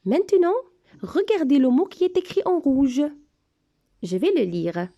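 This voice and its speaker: A woman giving a reading lesson to small children, her voice fairly high and full of rising and falling melody. She speaks slowly and clearly. Her tone is mellow rather than bright. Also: big pitch swings, muffled recording. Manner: slow, carefully articulated, encouraging teacher talk. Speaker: primary school teacher.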